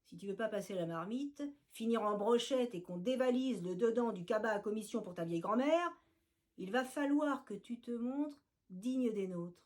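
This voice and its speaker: A woman voicing a big scarred ginger tomcat who leads a street gang, speaking in a low, honeyed, slangy drawl. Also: moderate pace, a little mellow, natural voice. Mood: honeyed menace.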